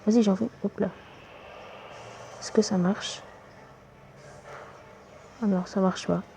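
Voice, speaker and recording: A gamer doing casual let's play commentary, reacting out loud and exclaiming in frustration at the game. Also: mid-range voice, steady tone, takes it slowly, gravelly, rough recording. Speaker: gamer commentating own gameplay for viewers.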